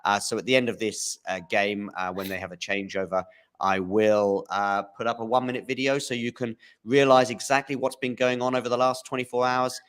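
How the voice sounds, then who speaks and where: A man's voice: medium pitch, fairly quick, clean tone. A man hosting a live tennis commentary podcast, chatting casually with fillers. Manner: chatty, relaxed, frequent fillers.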